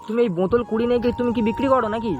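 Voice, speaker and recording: A man vlogging in the street, gently coaxing and soothing a small child while making emotional asides to a friend. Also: extremely high pitch, steady tone, very fast, highs cut off. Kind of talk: street vlog talking to a child. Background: music.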